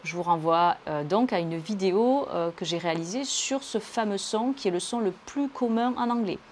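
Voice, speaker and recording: A woman's voice: mid-range voice, moderate pace, darkish tone, slight background noise. A woman teaching English, explaining words and pronunciation carefully, one point at a time. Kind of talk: language lesson explanation.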